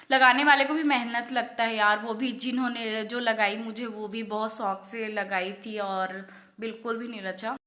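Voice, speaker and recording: Bright-voiced woman vlogger, upset. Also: on the high side. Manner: chatty, mixing English words into Hindi. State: upset and near tears. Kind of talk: casual vlog talk to camera.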